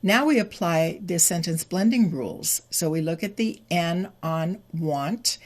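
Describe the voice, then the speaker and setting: A woman teaching English pronunciation, explaining sound changes step by step and repeating example phrases slowly. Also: fairly low pitch. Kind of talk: slow, deliberate teaching explanation.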